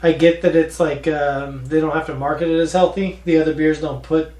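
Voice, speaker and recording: Higher-voiced man bantering in a roomy space. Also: steady tone, brisk, darkish tone. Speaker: drink review co-host. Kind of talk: casual joking banter. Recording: roomy, distant mic, faint noise.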